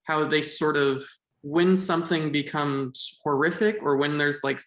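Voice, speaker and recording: A male podcast co-host thoughtfully unpacks a film's themes in a casual discussion, thinking aloud with fillers. His voice is fairly high and fairly bright, with a measured pace, recorded in an echoey room.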